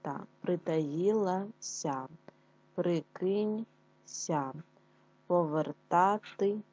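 A woman teacher giving a reading lesson, pronouncing words slowly and clearly, then reading a fairy tale aloud. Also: fairly low pitch, mellow, lo-fi sound. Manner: slow, careful enunciation of words. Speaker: primary school teacher.

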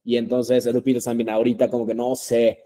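A man's voice: medium pitch, little pitch movement, a little fast, mellow. A man teaching a language class, patient and repetitive, with many fillers and check-ins. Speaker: Japanese teacher.

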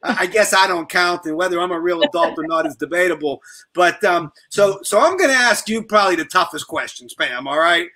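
Middle-aged male host, bright and high-pitched, loose joking chat. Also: brisk. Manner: joking, rambling, with filler phrases. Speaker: talk show host. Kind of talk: casual panel chat.

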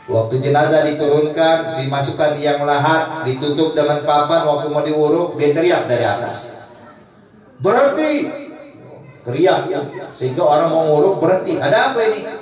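A man's voice: on the high side, fairly even intonation, moderate pace, a little mellow, distant mic. A man from Indonesia preaching to a congregation, telling a humorous story and often addressing the listeners directly. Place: large hall with a live audience. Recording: echoey hall mic from afar with crowd.

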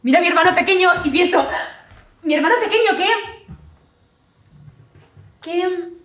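A young actress playing a young woman who feels nothing, speaking in a quiet, detached monologue. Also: medium pitch, normal speed, close to an everyday voice. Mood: wry, reflective. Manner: quiet, hushed and detached delivery. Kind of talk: theatrical monologue. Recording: voice from a distant mic.

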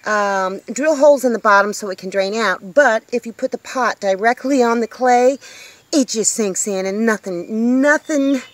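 A woman's voice: on the high side, normal speed, no room sound. A woman in her fifties talking casually to a handheld camera about her garden, upbeat and chatty. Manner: chatty, upbeat, exclaims at small discoveries. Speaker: homesteading vlogger. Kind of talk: casual outdoor vlog. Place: outdoors in a rural yard by a tiny house.

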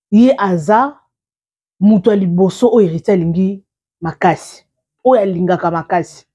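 A woman's voice: mid-range voice, warm tone, slightly rough, highs cut off. A woman giving casual, rambling commentary as a celebrity news vlogger, often repeating and restarting her words.

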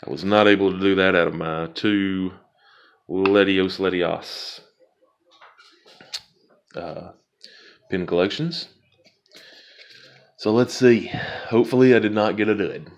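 A man's voice: low voice, slow pace, long pauses, muffled recording. A man casually talking viewers through opening card packs, rambling and amused at himself. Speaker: card pack opening vlogger. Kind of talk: casual unboxing commentary.

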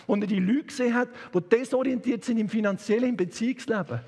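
A guest preacher with a Swiss German accent delivers an impassioned, emphatic sermon in a church, shifting pace suddenly. His voice is very high, a little mellow, and fast, resounding in a large hall.

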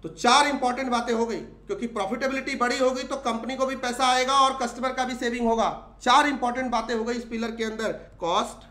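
A man's voice: extremely high pitch, fairly even intonation, fairly quick, few pauses, sharp tone, reverberant. A male teacher with an Indian English accent, giving a classroom lecture, asking the students questions and repeating the key points.

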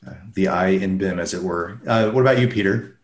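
A man in his forties moderates a video call panel, handing turns to guests with short, friendly prompts. His voice sits on the low side. The webcam audio carries a roomy echo from his home room. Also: a little fast. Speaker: host.

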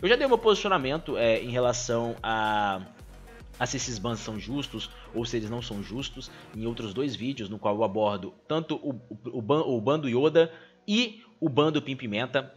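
A young man with a Brazilian Portuguese accent, a streamer giving his opinion in casual commentary, earnest and full of fillers and restarts. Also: medium pitch. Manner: earnest, fills speech with "cara" and "né", restarts often.

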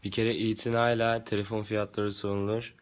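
A man's voice: lowish voice, level tone, moderate pace. A man in his twenties chatting casually into a phone held at arm's length. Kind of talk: casual selfie chat.

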